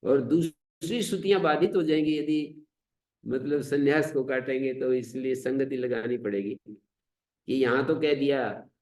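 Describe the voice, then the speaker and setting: An older man with an Indian Hindi accent teaching a scripture lesson, chanting Sanskrit verses, explaining them slowly and asking rhetorical questions. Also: mid-range voice, a little mellow. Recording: echoey room.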